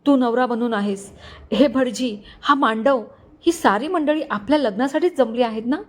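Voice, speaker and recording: A woman's voice: a little high, normal speed, pitched above the performer's own voice, lightly acted. A woman voicing a desperate young bride who pleads tearfully with her groom in a storybook reading. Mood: pleading.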